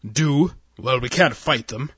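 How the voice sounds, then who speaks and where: A man's voice: medium pitch, unhurried, a bit bright, slightly rough, no echo, muffled recording. A man voicing a furious, commanding alien male admiral with eye stalks, growling and blustering in a story reading. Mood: roaring.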